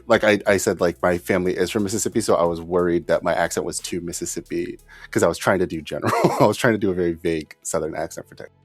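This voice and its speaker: Brief: young male player, low voice, halting laughing delivery, dead-dry sound. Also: dry recording. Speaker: player on the show. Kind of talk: casual behind-the-scenes chat.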